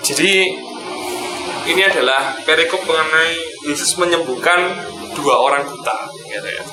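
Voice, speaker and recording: A man giving a relaxed Bible lesson, often tagging his sentences with a short filler. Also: on the high side, normal speed. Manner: relaxed, repeats "gitu ya" often. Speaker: Bible teacher. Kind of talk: casual Bible teaching. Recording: echoey room with music behind.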